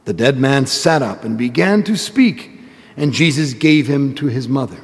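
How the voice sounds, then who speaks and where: A man's voice: medium pitch, expressive, normal speed. A male priest reading the gospel and giving a homily in a chatty, self-mocking storytelling manner, recorded in a church with a long cathedral-like reverb.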